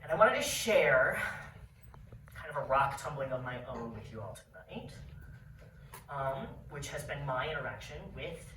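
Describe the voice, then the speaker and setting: A man's voice: mid-range voice, animated, moderate pace. A man performing a stand-up comedy set, telling stories conversationally with fillers at a live venue. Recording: distant roomy stage recording with noise.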